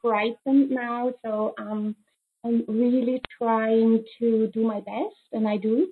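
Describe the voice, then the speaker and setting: A woman's voice: fairly high pitch, little pitch movement, slightly rough. Tearful fifty-year-old woman on a phone line. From Switzerland. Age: 50s. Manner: halting, emotional, many pauses and fillers. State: crying. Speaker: caller. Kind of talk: call-in question.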